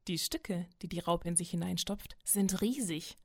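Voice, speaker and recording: A woman reading children's stories aloud in a gentle, expressive way. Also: lowish voice, moderate pace, gravelly, dry recording, clean studio sound. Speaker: storyteller.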